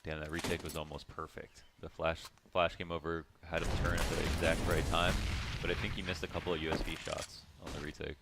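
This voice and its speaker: A man's voice: rumbling low, level tone, fairly quick, vocal fry, few pauses, noisy background. A man giving color commentary on a competitive shooter match, rambling with lots of "like" and "you know". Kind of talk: esports analysis. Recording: loud game sounds behind.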